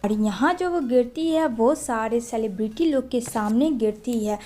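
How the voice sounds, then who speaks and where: A woman narrating a drama recap in a lively, conversational way. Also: fairly high pitch, moderate pace, soft background music.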